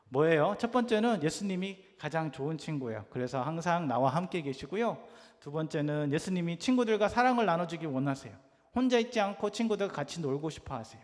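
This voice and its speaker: Man for a children's sermon: high, soft, coaxing questions to a little one, reverberant hall. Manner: gentle, coaxing, asks a small child many questions. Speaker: preacher for children. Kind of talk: children's sermon with picture storytelling.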